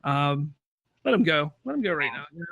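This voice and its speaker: Halting higher-voiced man hosting a podcast. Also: expressive, creaky, fairly bright tone, husky, dry recording, poor audio. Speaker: podcast host. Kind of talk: casual chat about film news.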